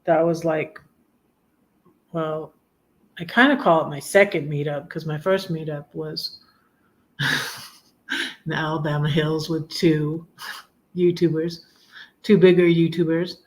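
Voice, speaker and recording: A woman in her fifties chatting on a live stream, rambling with many pauses and fillers, sometimes singing a hymn line slowly. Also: sits low, steady tone. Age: 50s. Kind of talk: casual live chat.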